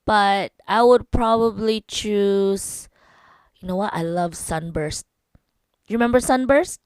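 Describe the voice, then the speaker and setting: A woman from the Philippines co-hosts a casual podcast chat. She teases her partner in lively banter, in a mid-pitched voice. The sound is dry and close. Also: slow pace, clean tone, no room sound. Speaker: podcast co-host.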